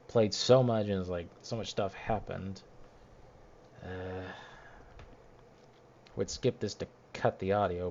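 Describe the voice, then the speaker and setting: A man with a very low voice grumbles his way through a voice-over for his own gameplay footage, rambling and plainly annoyed. The recording sounds dull and lo-fi. A faint hiss sits underneath it. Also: a little mellow. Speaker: gameplay commentator. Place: home recording setup, voiced after the footage.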